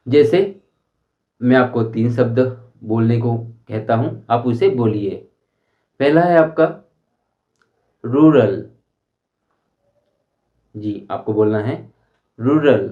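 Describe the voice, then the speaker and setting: A man teaches a spoken English lesson at a medium pitch. He explains slowly and deliberately and repeats his examples. The recording sounds dull and lo-fi. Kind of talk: Hindi-language English lesson.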